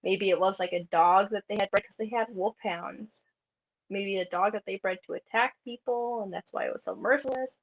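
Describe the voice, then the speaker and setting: Woman, panel presenter, casual and rambling, lots of fry, muffled lo-fi capture. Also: medium pitch, normal speed. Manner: chatty, heavy use of "like" fillers. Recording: dull lo-fi recording.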